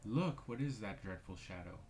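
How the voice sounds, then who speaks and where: A man's voice: lowish voice, expressive, moderate pace, a little mellow, a little hiss or hum, lightly acted. A man voicing a shrieking terrified sister. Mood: horrified. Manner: shrieking in horror.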